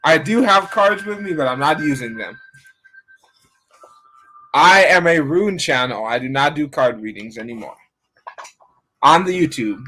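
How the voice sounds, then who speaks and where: A man's voice: fairly high pitch, lively intonation, unhurried, pauses often, pushed and bright, a little hiss or hum, poor audio. A man giving a casual, rambling live-stream reading, talking to his viewers by name. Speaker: online rune reader.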